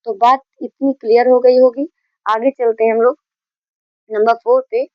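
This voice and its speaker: A woman's voice: a little high, level tone, normal speed, no room sound, lo-fi sound. A woman teaching a grammar lesson, explaining patiently, repeating key points and mixing in English terms.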